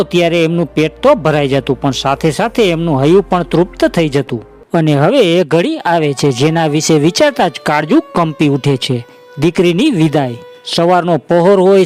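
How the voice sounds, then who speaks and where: A man giving scripted documentary narration in an emotive storytelling manner, speaking to his listeners as friends. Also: fairly high pitch.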